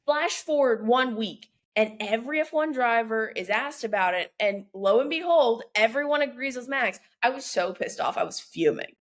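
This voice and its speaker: A woman's voice: fairly high pitch, animated. A young woman co-hosting a casual podcast, chatty and opinionated, with lots of "like" fillers. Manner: chatty, full of "like" fillers, quick to vent. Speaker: podcast co-host. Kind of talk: casual chat.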